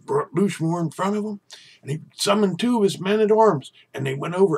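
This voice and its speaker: Husky older man, lilting storyteller. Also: sits high, darkish tone. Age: older, about 60s or 70s. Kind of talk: traditional Irish oral storytelling, unhurried and folksy.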